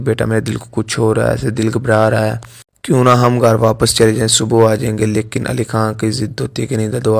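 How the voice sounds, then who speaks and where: A man's voice: fairly low pitch, gravelly. A man retelling a drama's plot in a plain storytelling narration. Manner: monotone retelling with restarts.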